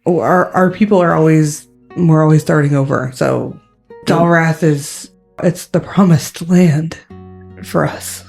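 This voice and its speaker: A woman's voice: sits low, fairly even intonation, takes it slowly, vocal fry, darkish tone, faint music behind. A woman casually narrating her part in a tabletop game, hesitant and full of restarts. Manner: hesitant, lots of fillers and restarts. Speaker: tabletop game player and storyteller.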